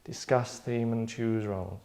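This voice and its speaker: A man in London hosts and directs an actors' table read, explaining things casually to the group in a sardonic, rambling, mock-dramatic way. His voice is medium-pitched and mellow, with a steady tone and an unhurried pace.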